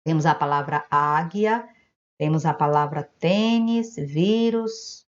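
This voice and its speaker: A patient woman teacher from Brazil talks young pupils through a recorded lesson, slowly and gently checking each answer. Her voice sits a little low, and the recording sounds dull and lo-fi, like a home video. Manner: gentle, patient, explains step by step. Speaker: primary school teacher.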